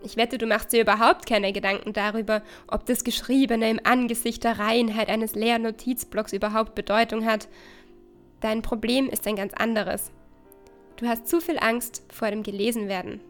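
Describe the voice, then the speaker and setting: A woman's voice: on the high side, steady tone, moderate pace, faint music behind. A woman reading a second-person story aloud in an intimate, conversational way.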